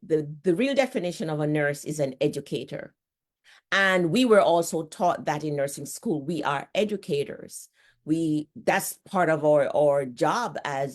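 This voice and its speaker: A nurse and author appears as a guest, a middle-aged woman with a low voice and a Jamaican accent chatting in a relaxed, conversational manner. She frequently repeats words, much like a nurse explaining things to a friend.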